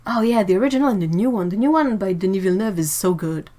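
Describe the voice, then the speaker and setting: Woman, livestream host, casual chat, mid-pitched voice, talkative, laughs easily. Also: animated, quick pace, mellow, rough recording. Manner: chatty, laughs often, reacts to chat messages.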